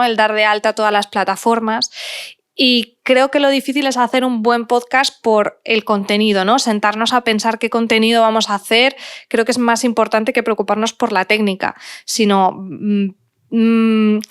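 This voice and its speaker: Smooth, higher-voiced woman. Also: a bit bright. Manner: thoughtful, hedging with fillers and tags. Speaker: podcast guest, podcast consultant. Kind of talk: casual interview chat.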